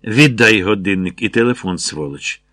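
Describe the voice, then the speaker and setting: A man's voice: lively intonation, normal speed, pushed and bright, dry recording, clean studio sound. Man voicing a wronged village man. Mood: hissing. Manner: hissing low, then ingratiating. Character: angry, then bargaining village man.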